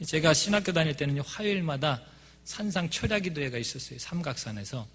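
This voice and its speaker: A man's voice: fairly high pitch, animated, a little fast, fairly bright tone, slightly rough. A middle-aged male pastor preaching a sermon, emphatic and often calling for a response from the congregation.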